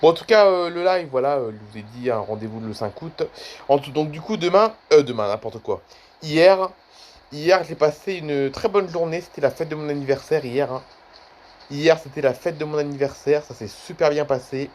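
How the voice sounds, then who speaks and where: A man's voice: fairly high pitch, moderate pace, a little mellow, a little hiss or hum. A man in his twenties chatting casually in a vlog, rambling and repeating himself often. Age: 20s. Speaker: YouTuber.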